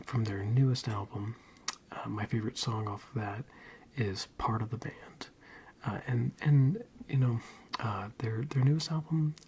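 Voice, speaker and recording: A man giving a soft-spoken ASMR ramble in a breathy, mostly whispered voice, soothing and hesitant. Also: mid-range voice, a little hiss or hum. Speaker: ASMR video creator.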